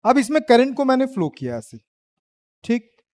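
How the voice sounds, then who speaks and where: A man's voice: very high voice, sing-song, normal speed, darkish tone, no room sound. A man teaching physics in a classroom, quizzing and teasing his students and laughing often. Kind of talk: classroom lecture.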